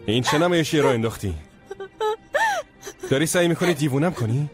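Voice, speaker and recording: A man's voice: on the high side, lively intonation, over loud music, lightly acted. A voice actor dubbing a cold, bitter young man who scornfully rejects his former love in a TV drama. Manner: curt, scornful. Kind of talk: dubbed TV drama.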